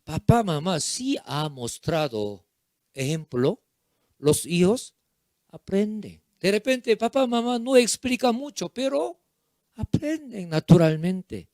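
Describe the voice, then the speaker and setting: A man preaching a sermon as pastor, in short halting phrases with simple, non-native grammar and frequent repetitions. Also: high voice, very animated, a little mellow, no echo, clean studio sound.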